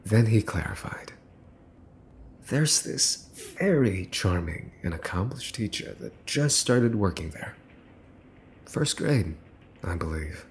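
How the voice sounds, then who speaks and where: Taking it slowly in a full character voice, a voice actor with a fairly low, very animated delivery plays the son of a mafia boss for an ASMR roleplay. Slight background noise sits under his smug menace. His teasing comes out in a mocking theatrical drawl full of mock-cute wording.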